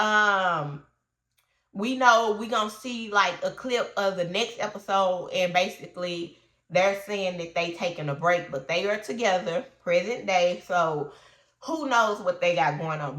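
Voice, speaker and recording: A congested, stuffy-nosed woman hosts a reality TV recap, giving casual commentary that is chatty, opinionated and loose. Her mid-range voice has lively intonation and a sharp tone, coming a little slow in a reverberant space.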